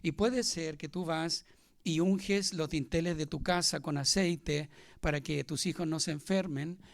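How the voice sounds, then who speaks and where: Gravelly pastor preaching. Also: male voice, fairly high pitch, fairly even intonation, unhurried. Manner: preaching to a congregation, asking them questions. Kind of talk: sermon.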